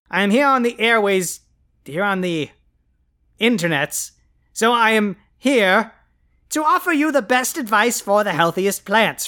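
A performer playing a boastful male supervillain who hosts a podcast, delivering grandiose, insulting proclamations with a quick temper. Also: mid-range voice, bright, forceful tone. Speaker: podcast host. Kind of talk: comic scripted podcast.

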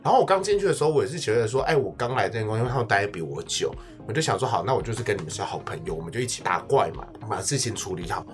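Low-voiced man ranting fast and animated. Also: faint music behind. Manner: animated venting, acting out office quarrels. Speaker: podcast co-host. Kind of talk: casual podcast chat.

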